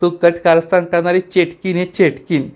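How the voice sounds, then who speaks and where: A man's voice: high-pitched, monotone, normal speed, a little mellow, close to an everyday voice. A man reading aloud the teasing, sarcastic lines of an older man who heads the household.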